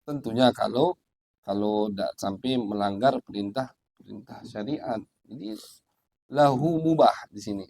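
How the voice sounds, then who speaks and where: A man's voice: lowish voice, a little slow, creaky, warm tone, slight background noise. A man explaining hadith to a study circle, mixing Arabic quotes with colloquial asides. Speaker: religious teacher.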